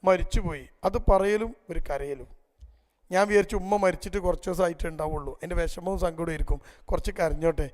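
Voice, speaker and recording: A man speaks to a gathered audience in a high, smooth, resonant voice. He tells stories and turns to the crowd with rhetorical questions. His voice carries a long reverb from a large hall. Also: quick pace, darkish tone. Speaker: public speaker. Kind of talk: storytelling family talk to an audience. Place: event hall before a live audience.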